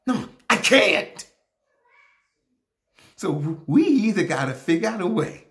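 Male actor as anguished middle-aged husband, hammy stage monologue, slow, highly animated pitch, emphatic pauses. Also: full character voice. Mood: resolute, weary. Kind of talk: theatrical dramatic monologue. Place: small plain room indoors.

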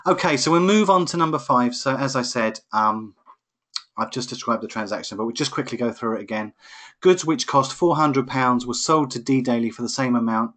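A man's voice: medium pitch, a little fast, fairly bright tone. A man tutoring accounting in a live online lesson, explaining each step patiently over a computer microphone. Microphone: computer microphone on a webinar.

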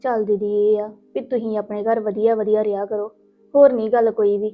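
In a Punjabi village family drama, a woman with a Punjabi accent plays a polite, conciliatory young wife, her voice soft and soothing. She speaks a little fast at a medium pitch with little pitch movement, lightly acted, in a dull lo-fi recording with music.

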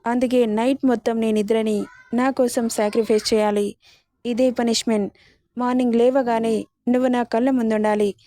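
A woman's voice: on the high side, level tone, normal speed, mellow, no room sound, studio quality, lightly acted. Woman voicing a possessive angry young husband. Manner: curt and commanding.

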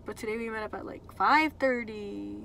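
A young woman vlogging in casual chat with a friend, talking with lots of fillers and trailing off softly. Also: medium pitch, moderate pace, vocal fry, far from the mic, a little hiss or hum. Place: in a car at night.

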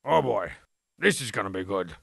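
A man voicing a brash, boastful masked male wrestler in a cartoon, gruff and gravelly, swaggering and sarcastic. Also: on the low side, very animated, moderate pace, a bit bright, no echo, studio quality, exaggerated voice. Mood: grumbling. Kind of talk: cartoon email-answering monologue.

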